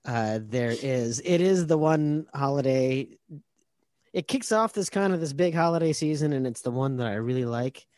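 A man's voice: medium pitch, expressive, moderate pace, a little mellow, no room sound, studio quality. A man co-hosting a casual podcast, laughing easily and poking fun at himself. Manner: giggly, self-deprecating. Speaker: podcast co-host.

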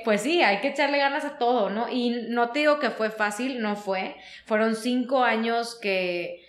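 A woman from Mexico, a human resources consultant telling her life story in an interview, animated and full of fillers. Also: on the high side, normal speed, reverberant. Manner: animated, frequent fillers like "o sea" and "¿no?". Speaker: guest, HR consultant.

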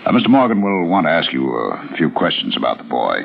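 A man's voice: rumbling low, very animated, quick pace, creaky, heavily acted. A man playing a somber, tactful police detective in a 1950s radio drama, with a subdued manner. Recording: dull vintage radio recording with music.

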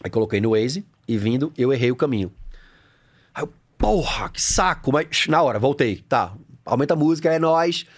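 A man with a Brazilian Portuguese accent, a coach chatting on a podcast, animated and slangy, acting out little scenes. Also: mid-range voice, a little fast. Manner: animated, acts out scenes with shouted quotes, slangy. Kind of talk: casual podcast conversation.

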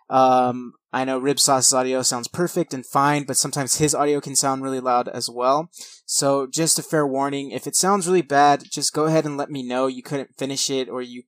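Recording dry on his own setup through a headset, a man of thirty with a medium-pitched voice hosts a podcast. He keeps things loose and informal, making fun of himself as he talks casually and reads accounts aloud.

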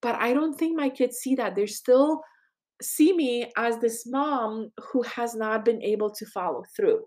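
Middle-aged female podcast host, casual chatty delivery with filler words, slightly high pitch. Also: measured pace, a little mellow, a little hiss or hum. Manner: chatty, many fillers and "right?" asides. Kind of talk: casual personal monologue.

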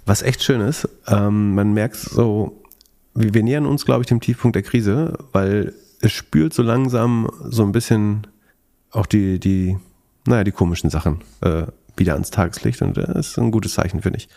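Tiefe, knarzige Männerstimme, lockerer Podcast. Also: male voice, fairly low pitch, normal speed, vocal fry, warm tone. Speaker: podcast host and analyst. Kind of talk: casual analytical chat about finance.

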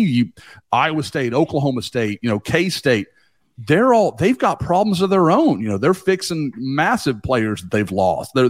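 A man talks sports on a podcast, loose and rambling with easy swearing. His pitch sits mid-range and the sound is dry and close. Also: dry recording. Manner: animated, rambling, swears casually. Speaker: guest, team beat writer. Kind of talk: casual podcast chat.

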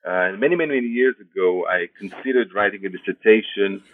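Deep-voiced man on a tinny line. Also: brisk, no room sound. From Israel. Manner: thoughtful, many hesitations and restarts. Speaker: guest, history professor. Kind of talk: interview answers. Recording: tinny phone-like line, dry.

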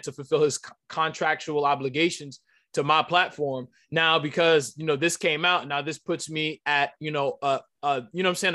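Dude w a high voice on a podcast, heated, keeps hammering the same point. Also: male voice, bright, forceful tone. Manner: insistent, emphatic, repeats points. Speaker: podcast host.

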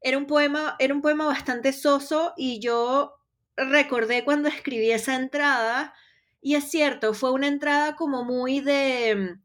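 A woman's voice: sits high, a bit bright. A young woman from Venezuela, a poet as guest in an interview, speaking reflectively with hesitant restarts. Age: young adult. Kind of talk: casual interview talk.

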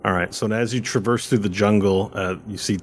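A man with a fairly low voice acts as game master. He improvises descriptions of a tabletop adventure in a conversational way. Light ambient noise sits behind his voice. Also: steady tone, a little fast.

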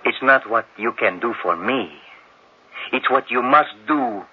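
An actor playing a grim twenty-year-old man in a radio drama, speaking tersely and coldly, with a husky voice, heard on a dull old radio recording. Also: mid-range voice. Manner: cold, terse, measured. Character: young man of twenty, grim avenger's son.

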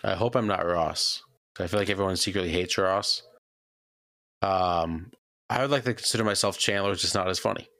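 Low-voiced hesitant man answering questions. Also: fairly quick, fairly bright tone, no echo, clean studio sound. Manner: hesitant, filler-heavy answers. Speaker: guest. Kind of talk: casual chat.

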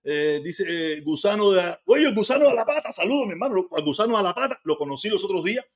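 A man's voice: sits high, very animated. A man from Cuba with a Cuban accent, hosting a casual livestream and answering viewer comments in a heated, argumentative way. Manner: heated and argumentative, talks fast and repeats himself. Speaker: livestream host.

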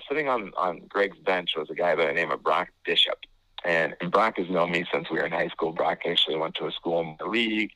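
A man's voice: low voice, pushed and bright, no room sound, rough recording. A man who works as a basketball referee, casually telling funny stories from games and chuckling at his own mix-ups. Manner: chuckles through self-mocking stories.

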